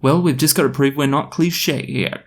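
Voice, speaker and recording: A man voicing a melodramatic, lovesick teenage girl in a comic story reading, with a high, pleading, theatrical delivery. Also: moderate pace, vocal fry.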